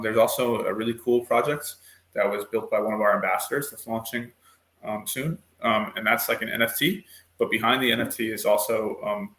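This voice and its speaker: A man's voice: on the low side, fairly bright tone. A man speaking as a panel guest, explaining things patiently with frequent ums. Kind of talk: online panel discussion. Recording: echoey room.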